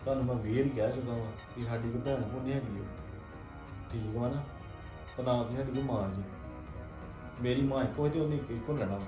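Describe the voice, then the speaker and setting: Young guy playing a cold resentful stepson, blunt and fast-talking, echoey room, quiet music. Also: mid-range voice, natural voice. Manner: blunt, curt and dismissive. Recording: roomy room with faint music.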